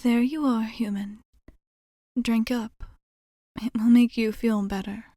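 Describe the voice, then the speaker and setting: Playing an ancient vampire bartender for an ASMR roleplay, a woman uses a soft, breathy, mellow voice that sits fairly high and frequently becomes a whisper. Her intonation stays fairly even as she talks very slowly and formally, choosing measured words and pausing thoughtfully, with a gentle, attentive, composed manner. The close, dry recording has no room sound.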